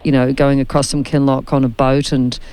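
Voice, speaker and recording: A woman hosting a radio chat, telling chatty personal anecdotes in a relaxed, conversational way. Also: rumbling low, a little fast, clear, resonant tone. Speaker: radio host.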